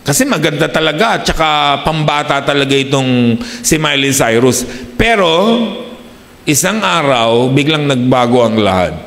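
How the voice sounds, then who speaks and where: A man's voice: mid-range voice, fairly bright tone, reverberant, in a large hall. A Filipino man preaching a sermon, mixing English phrases into his talk and asking his listeners "di ba?" to keep them with him.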